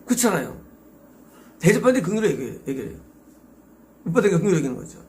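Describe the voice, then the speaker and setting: A man's voice: sits high, sing-song, quick pace, a little mellow. A middle-aged man with a Korean accent preaching a sermon as pastor, emphatic and exhorting, with many rhetorical questions.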